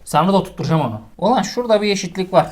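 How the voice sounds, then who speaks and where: A man's voice: high voice, animated, racing. A man tutoring geometry in a comic lesson, scolding his student in an exasperated, crude way with swearing. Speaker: math tutor.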